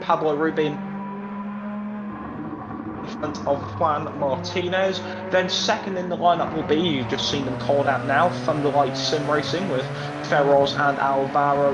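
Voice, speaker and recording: A man commentating a sim racing event live, reeling off team results and standings with dry asides. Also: a little high. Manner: rapid stat-heavy team rundown, dry asides. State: slightly out of breath. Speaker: esports race commentator. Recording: dull lo-fi stream audio.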